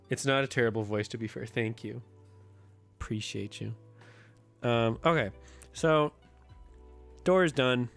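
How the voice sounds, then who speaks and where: A streamer and host with a mid-range voice sounds sick and rough as he broadcasts live. He chats casually and thinks aloud while building a map, often counting under his breath.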